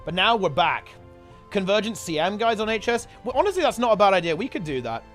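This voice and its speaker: High-pitched rambling male streamer. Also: sing-song, fast, fairly bright tone, soft background music. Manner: rambling, slangy, repeating himself. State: getting over a sickness, on medication. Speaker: game streamer and video host. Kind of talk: casual livestream chat.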